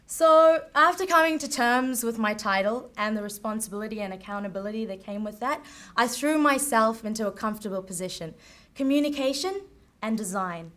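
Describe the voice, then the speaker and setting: A young woman with a South African accent giving a lively live presentation on stage at an event. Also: fairly high pitch, a little fast. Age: young adult. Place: event stage before an audience.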